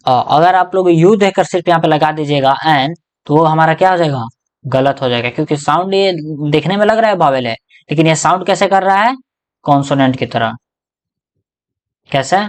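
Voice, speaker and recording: A man teaching a grammar lesson, who keeps asking the class questions, answers them himself and checks in with the listeners again and again. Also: fairly high pitch.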